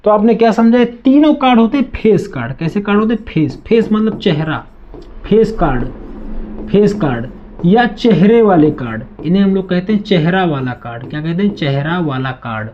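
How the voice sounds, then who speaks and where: A man with a high voice leads a classroom-style maths lesson. He keeps asking questions and answering them himself, repeating each word for the students. The recording sounds dull and lo-fi. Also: animated, moderate pace, slight background noise. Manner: addresses students as children. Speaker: maths teacher.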